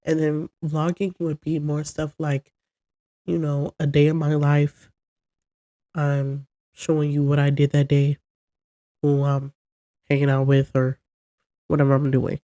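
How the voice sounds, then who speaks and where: A young woman hosts her own podcast, talking to camera in a casual, chatty, rambling solo chat while sounding congested from a cold. Her low, dark-toned voice is monotone and unhurried with long pauses, and the recording has no echo.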